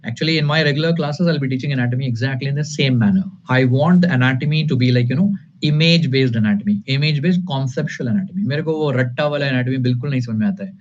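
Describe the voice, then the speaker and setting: A man's voice: mid-range voice, rapid-fire. A man with an Indian accent lecturing to an online class, emphatic and repetitive, switching between English and Hindi. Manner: emphatic and repetitive, addressing students as sir and guys. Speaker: anatomy lecturer. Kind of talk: live online exam-prep lecture. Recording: dull lo-fi audio with light noise.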